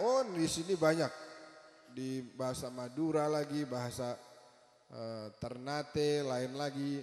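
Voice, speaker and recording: A man with a Betawi accent delivers a playful sermon, asking the crowd questions and cracking jokes between teachings. His voice sits high. It rings out with long reverb in a large echoey hall. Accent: Jakarta Betawi. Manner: animated, joking asides, asks the crowd questions. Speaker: preacher. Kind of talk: humorous sermon to a live audience. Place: large echoey hall at a religious school event.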